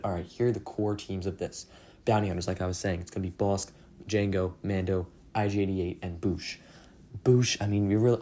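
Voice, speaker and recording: A young man talks through his mobile game progress in a loose, rambling recap. His voice sits low and sounds mellow rather than bright. He keeps filling gaps with "like" and "um" and is quick to laugh at his own mistakes. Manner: rambling, self-deprecating, many fillers. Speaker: gaming channel host. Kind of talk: casual gameplay recap.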